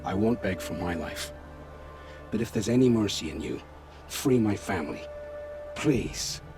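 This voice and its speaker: A man playing a guilt-ridden scavenger scout in a video game, speaking gravely and with haunted, poetic phrasing. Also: on the low side, sing-song, unhurried, exaggerated voice. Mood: pleading, resigned. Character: guilt-ridden male scavenger scout, forced informant, begging for family. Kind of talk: dramatic video game acting. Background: background music.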